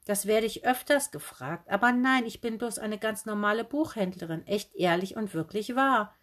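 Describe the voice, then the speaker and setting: A woman's voice: medium pitch, moderate pace, fairly bright tone, natural voice. A woman voicing a cheerful, quirky young female bookseller in a kimono, bubbly and breezy. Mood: chirpy. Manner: bubbly, breezy, oddly matter-of-fact.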